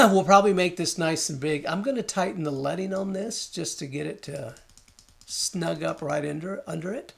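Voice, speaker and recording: Man with a gravelly voice, talking through a design tutorial. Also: a little high, normal speed. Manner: thinking aloud, muttering at the software while working. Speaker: design instructor. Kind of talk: screen-recorded software tutorial.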